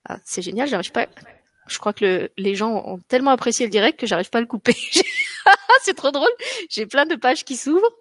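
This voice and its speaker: A woman's voice: fairly high pitch, very animated, a little fast, a bit bright, no echo. A woman with an eastern French accent, hosting a live online show in a frank, chatty way and laughing often. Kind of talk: casual live chat.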